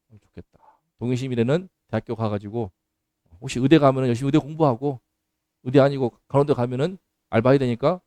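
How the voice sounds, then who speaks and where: A man, a pastor, preaching a sermon with anecdotes, moving between calm storytelling and loud, scolding exhortation. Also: mid-range voice, no room sound, studio quality. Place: church sanctuary.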